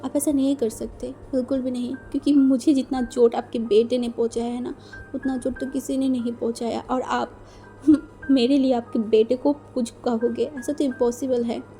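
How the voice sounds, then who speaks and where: A woman's voice: on the high side, little pitch movement, normal speed, faint music behind, close to an everyday voice. A woman doing a timid, stammering young man. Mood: wistful. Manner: soft, stammering, hesitant. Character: timid, shy young man, new bridegroom.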